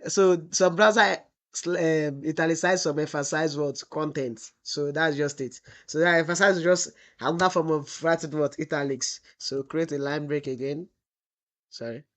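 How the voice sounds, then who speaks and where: The speaker is a man with a high-leaning, fairly bright voice, keeping a steady tone at a moderate pace. Teaching web development in a screen-recorded tutorial, he asks rhetorical "what?" questions and answers them, drawling out his example text as he types.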